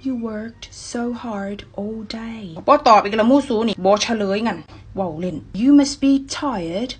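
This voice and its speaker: A woman with an Isan Thai accent teaching English pronunciation, playful and teasing as she repeats words slowly for drills. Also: mid-range voice, lively intonation, breathy edge. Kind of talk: online language lesson.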